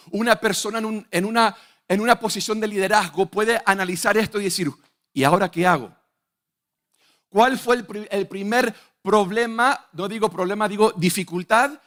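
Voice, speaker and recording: A young man with a high, light voice preaches a sermon. He talks emphatically and keeps throwing rhetorical questions at his listeners. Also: a bit bright.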